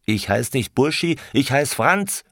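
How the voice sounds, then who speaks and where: A man voicing a touchy young apprentice from the country, pitching his voice up and speaking loudly and indignantly. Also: animated, moderate pace, gravelly, breathy edge, dry recording, clean studio sound, exaggerated voice. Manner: indignant, raised voice. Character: touchy young farm-boy apprentice, quick to anger.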